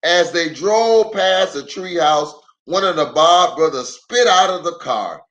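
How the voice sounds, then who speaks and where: A middle-aged pastor, his voice a little high and his pace unhurried, reads a storybook for kids. He speaks right to them with playful, chatty asides, keeping his reading expressive.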